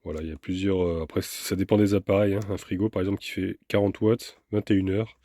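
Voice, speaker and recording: Low-voiced man chatting through an unboxing. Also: fast, no echo, clean studio sound. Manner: relaxed, chatty, with filler hesitations. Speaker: vlogger reviewing a power station. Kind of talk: casual product unboxing.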